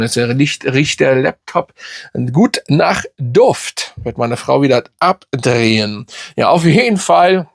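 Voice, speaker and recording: A middle-aged man chats his way through a fragrance review in a somewhat high voice. He rambles with frequent fillers and tag questions. The recording is close and dry. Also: gravelly, no echo. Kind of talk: casual product review.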